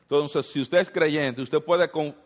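A man's voice: on the high side, unhurried. A man preaching a sermon as pastor, addressing the congregation with rhetorical questions and repeated phrases. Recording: long hall reverb.

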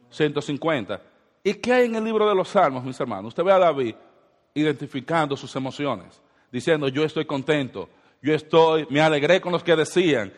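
A man delivers a sermon in a slightly higher voice, asking his congregation question after question. His words ring out with a long hall reverb, as if from a church sanctuary. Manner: preaching with rhetorical questions to the congregation. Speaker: pastor.

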